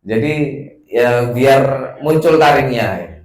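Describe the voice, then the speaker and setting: His voice is medium-pitched and darkish, with lively intonation and a slow pace. The Padang-born executive director of a research institute, whose Indonesian has a Javanese lilt, offers a casual, self-deprecating welcome with many fillers. Audio is poor and the room echoes.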